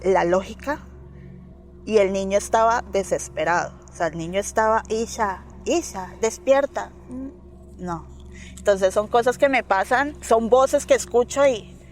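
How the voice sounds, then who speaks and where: Slight background noise accompanies a woman speaking at normal speed in a mid-range voice with a Colombian Spanish accent. Interviewed as a guest, she relates a personal experience, acting out dialogue and regularly making sure the listener follows with "¿me entiendes?".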